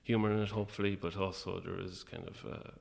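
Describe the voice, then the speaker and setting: Speaking fast with a low, vocal-fry voice and fairly even intonation, a playwright and actor muses about his creative work. He's an interview guest, and his casual chat comes out hesitant and reflective.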